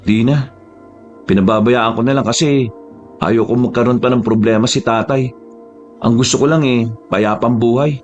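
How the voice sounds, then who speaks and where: A man voicing a gentle, patient young male worker who speaks softly and mildly. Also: medium pitch, normal speed, long pauses, muffled recording, faint music behind, pitched below the performer's own voice, lightly acted. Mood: resigned. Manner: soft-spoken, mild.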